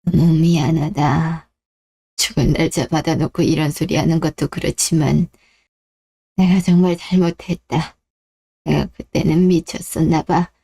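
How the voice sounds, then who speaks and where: A performer voicing a remorseful, dying old father in a radio drama, who speaks slowly and heavily as he apologizes. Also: on the high side, steady tone, vocal fry, dark tone. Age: older.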